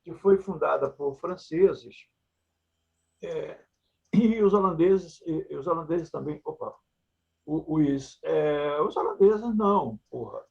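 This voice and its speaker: A man's voice: a little high, slow, creaky, darkish tone, breathy edge. An older man from Brazil with a Maranhão accent, telling his life story in an interview in a blunt, joking, earthy way. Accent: Maranhão Brazilian Portuguese. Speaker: puppeteer and researcher, guest. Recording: dull lo-fi sound.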